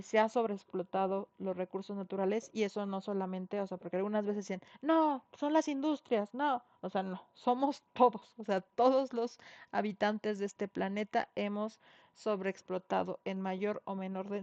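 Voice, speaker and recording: A middle-aged woman from Xochimilco in Mexico City speaks with a Mexican Spanish accent at a medium pitch, her intonation fairly even and her pace normal. Her tone is darkish as she gives an online university lecture conversationally, packed with fillers and tag questions. The audio is dull and dry, with no room sound.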